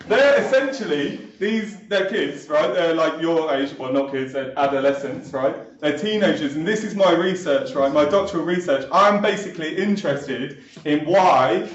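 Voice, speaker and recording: A man's voice: fairly high pitch, animated, normal speed, hardly any pauses. A young man from London teaching students in a classroom, chatty, tagging lines with "right?". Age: young adult. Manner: chatty, keeps checking in with "right?". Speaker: linguistics lecturer. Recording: echoey room, far from mic, dull sound.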